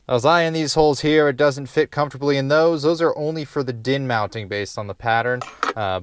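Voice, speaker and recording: Sitting inside a car, a DIY car project host gives a casual, unscripted how-to narration that's rambling, wry and casually profane. His medium-pitched voice is clear and resonant, and the recording has no room sound.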